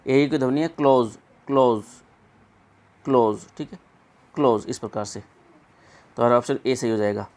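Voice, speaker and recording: A man teaching an exam-prep English pronunciation lesson, repeating words slowly and drawn out. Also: medium pitch, a little mellow.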